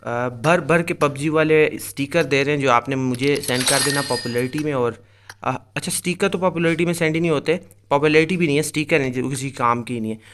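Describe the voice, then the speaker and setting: Fairly high-pitched and a bit bright, this man speaks fairly quickly with slight background noise. He hosts a gaming video, offering casual screen-recorded commentary and explaining what's happening directly to his viewers along the way.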